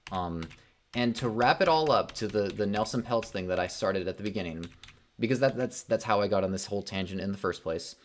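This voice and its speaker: A man's voice: lowish voice, brisk. A young man hosting a casual livestream, rambling through opinions with many ums, likes and restarts. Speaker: livestream host.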